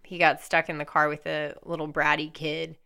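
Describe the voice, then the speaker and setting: A woman co-hosting a podcast in casual chat, talking in a chatty, animated way that rises into excited emphasis. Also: sits low, moderate pace, creaky, clean tone. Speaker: podcast co-host.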